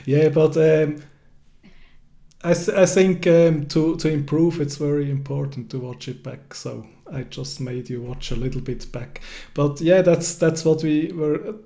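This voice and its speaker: A man hosting a casual interview, speaking hesitantly with many pauses and restarts. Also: fairly high pitch, warm tone. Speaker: host.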